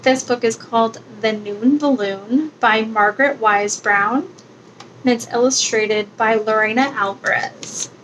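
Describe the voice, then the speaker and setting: A woman reading children's picture books aloud in a gentle bedtime manner, adding animal and truck sounds. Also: fairly high pitch, unhurried, a little hiss or hum, low-quality recording. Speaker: children's book reader.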